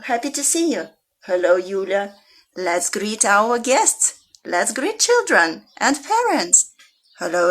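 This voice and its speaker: A woman with a Russian accent, an English teacher for young children, reading a picture book aloud with big leaps up in pitch and slow, drawn-out questions. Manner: animated storyteller with big swoops up in pitch.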